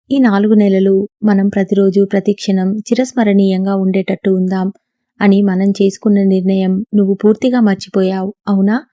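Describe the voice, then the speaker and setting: A woman's voice: medium pitch, mellow, dry recording, lo-fi sound, close to an everyday voice. A woman voicing a teasing but caring young female college student who coaxes her friend in a playful, earnest way. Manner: playful, coaxing.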